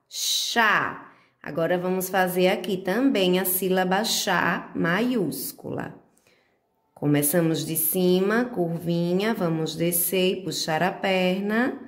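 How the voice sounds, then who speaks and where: A woman with a Brazilian Portuguese accent, teaching a remote handwriting lesson to small children, guiding each stroke slowly and patiently with diminutive words. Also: fairly low pitch. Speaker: preschool teacher.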